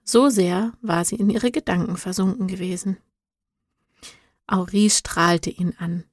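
Female storybook narrator, calm and measured, unhurried delivery. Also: mid-range voice, no echo, studio quality. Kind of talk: storybook reading.

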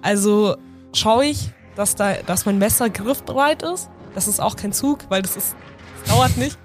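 A woman's voice: medium pitch, normal speed, faint music behind. A woman chatting casually as a player in a tabletop game, improvising what her character thinks and does. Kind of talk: casual improvised role-play chat.

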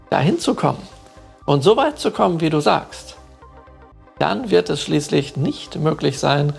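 A man voicing a strange old man who questions and guides a young student with calm patience. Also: a little high, gravelly, pitched above the performer's own voice, heavily acted.

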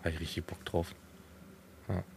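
A man's voice: sits low, level tone, moderate pace, creaky, a little mellow, a little hiss or hum. A man co-hosting a casual podcast, laid-back and teasing in conversation. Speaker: podcast co-host. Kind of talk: casual chat.

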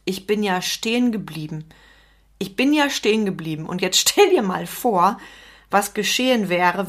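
A woman's voice: medium pitch, a bit bright. A middle-aged woman hosting a motivational podcast for entrepreneurs, speaking straight to the listener and repeating her key points for emphasis. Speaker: podcast host and business coach.

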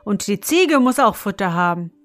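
A woman's voice: medium pitch, big pitch swings, moderate pace, a bit bright, faint music behind. A woman voicing a poor, stern mother in a fairy tale, scolding brusquely.

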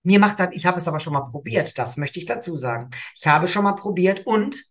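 A man co-hosting a casual podcast, telling stories with lively acted-out voices. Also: high voice, brisk. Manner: animated storyteller, acts out quoted voices. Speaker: podcast co-host. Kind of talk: casual chat, storytelling.

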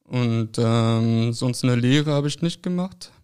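This football player is a young man who was born in France and grew up in Berlin. Speaking slowly in a medium-pitched, clean, slightly mellow voice, he gives brief, halting interview answers packed with fillers.

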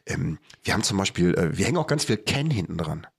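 A man's voice: low-pitched, big pitch swings, fast talker, gravelly, breathy edge. A man hosting a podcast in casual chat, jokey and teasing, laughing often. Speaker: podcast host.

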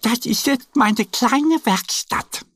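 A man voicing a cheerful, helpful little female duck with a high, eager, chirpy voice. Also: slow pace, fairly bright tone, no echo, studio quality, full character voice.

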